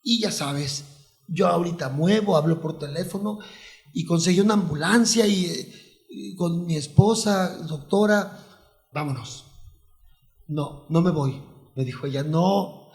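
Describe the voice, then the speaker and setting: Man, high voice, soft, halting, personal storytelling. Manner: soft, halting, often drops to a near hush. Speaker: psychotherapist guest.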